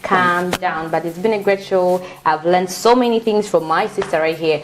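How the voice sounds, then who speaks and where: A woman's voice: fairly low pitch, normal speed, a little hiss or hum. Upbeat woman TV show host. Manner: frequent backchannel, upbeat sign-off thanking crew. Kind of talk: TV talk show hosting.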